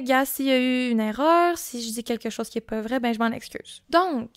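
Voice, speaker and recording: A woman's voice: sits high, smooth, dry recording, studio quality. A woman with a Québécois accent, hosting a true-crime podcast and telling the story in a casual, chatty way, with many fillers. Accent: Québécois French.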